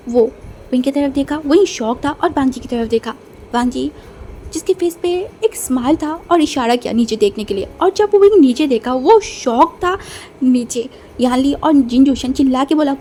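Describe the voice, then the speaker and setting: A woman's voice: high voice, dark tone. A woman narrating a fanfiction story in a casual, chatty way, with fillers.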